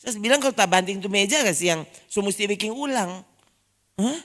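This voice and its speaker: A forceful woman pastor with a lilt, preaching in a church hall. She fires off rhetorical questions with emphasis, and her voice rings out with a long reverb tail. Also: medium pitch, lively intonation, a little fast. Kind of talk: sermon.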